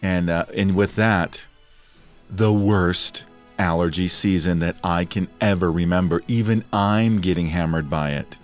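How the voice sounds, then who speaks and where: A podcast co-host speaks in a low, unhurried voice, dry and scratchy because of allergies. He is playful in the casual chat, cracking jokes and laughing often, and soft music plays underneath.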